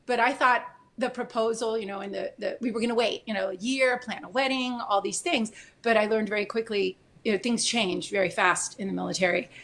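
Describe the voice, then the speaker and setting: A woman from Florida, a military spouse, telling her personal story as an interview guest in an animated, emotional way with many fillers. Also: mid-range voice, brisk, few pauses.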